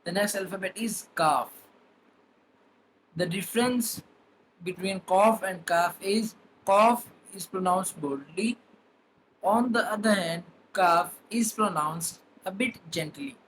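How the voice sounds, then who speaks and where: A man's voice: high-pitched, slow, fairly bright tone, a little hiss or hum, rough recording. A man teaching the Arabic alphabet, saying each letter name twice and explaining patiently how it is pronounced. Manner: spells out letter names one by one, repeating each twice. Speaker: Quran reading teacher. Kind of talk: slow pronunciation lesson.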